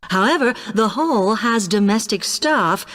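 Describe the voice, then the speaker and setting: British woman acting as a polite uni accommodation officer, highish lively voice, orderly scripted talk, big echoey hall. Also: a little slow. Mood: polite, informative. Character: polite, helpful female university accommodation officer. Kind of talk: scripted informational talk to students. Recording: long reverberant hall sound.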